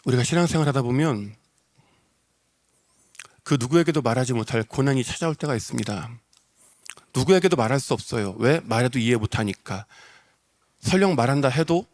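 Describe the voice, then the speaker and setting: A male pastor preaching an emotional sermon, repeating phrases for emphasis, in a large church sanctuary. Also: on the high side. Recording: long reverb of a church hall.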